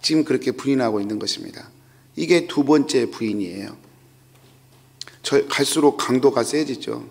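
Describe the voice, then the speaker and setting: A man's voice: mid-range voice, moderate pace, gravelly. A man, the pastor, giving a dawn sermon, retelling the scripture scene step by step and repeating key phrases for emphasis. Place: church sanctuary. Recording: long reverb of a church hall.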